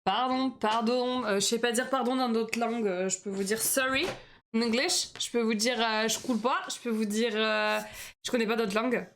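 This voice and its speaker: A woman's voice: on the high side, fairly even intonation, normal speed, fairly bright tone, slight background noise. Bubbly young woman chatting with her viewers. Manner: bubbly, chatty, laughs often, jumps between topics. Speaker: streamer. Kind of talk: casual live-stream chat with viewers.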